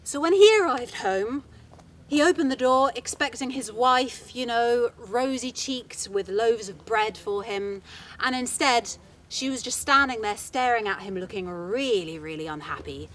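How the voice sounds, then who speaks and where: A woman telling a folktale live to an audience, in a chatty, animated way with playful asides. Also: fairly high pitch, a little slow. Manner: lively, chatty, dramatic asides. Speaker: storyteller.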